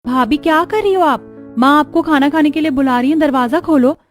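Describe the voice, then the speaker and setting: A woman's voice: high-pitched, a little fast, faint music behind, natural voice. A woman voicing a young daughter calling out at a door. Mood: urgent. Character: young teenage daughter of the house.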